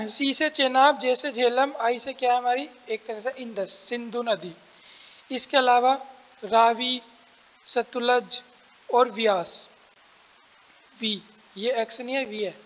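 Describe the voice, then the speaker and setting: A man teaching an exam-prep lesson, explaining step by step, asking and answering his own questions and clearing his throat often. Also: very high voice, steady tone, slow pace, pauses often, fairly bright tone, in a large hall, lo-fi sound.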